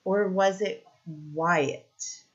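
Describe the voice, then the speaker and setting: A female teacher with a medium-pitched voice runs a read-aloud lesson for little kids, asking easy questions, pausing for replies and cheering them on. The recording has its highs cut off.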